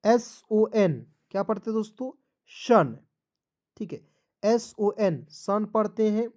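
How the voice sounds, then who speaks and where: Guy teaching spelling, reads out letters one by one then the word, keeps quizzing viewers, warm mellow tone. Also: sits high, expressive, slow pace. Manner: spells words letter by letter and drills them; keeps asking viewers questions, calls them friends. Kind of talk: spelling and pronunciation lesson.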